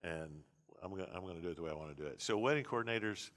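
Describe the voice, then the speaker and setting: A man's voice: sits low, expressive, racing, fairly bright tone. A man, a pastor teaching a seminary class in a blunt, conversational lecture with many restarts.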